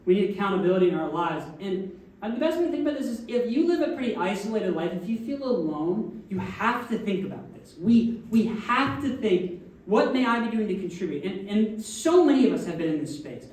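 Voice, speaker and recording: A man's voice: high voice, expressive, a little fast, a little mellow. A man preaching a conversational sermon as a minister, checking in with his listeners often. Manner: conversational preaching with frequent audience check-ins. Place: church sanctuary. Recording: very echoey distant room mic, faint background noise.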